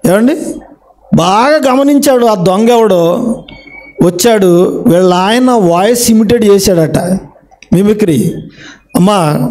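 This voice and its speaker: A man's voice: very high voice, a little mellow. A middle-aged man from India preaching in church, questioning the congregation with rhetorical questions. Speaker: pastor. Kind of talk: Telugu sermon.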